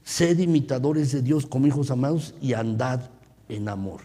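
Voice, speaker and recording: A man's voice: medium pitch, lively intonation, moderate pace, mellow. A male pastor preaching a sermon, asking his listeners questions, repeating key phrases and calling them his brothers and sisters. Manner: calls listeners "mis hermanos". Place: church sanctuary. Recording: long church reverb.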